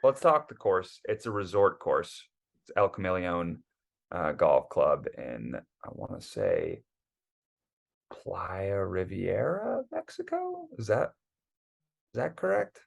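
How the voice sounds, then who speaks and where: A man's voice: low-pitched, sing-song, slow, creaky. A man co-hosting a casual sports podcast, rambling with stammered restarts and lots of fillers. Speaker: podcast co-host.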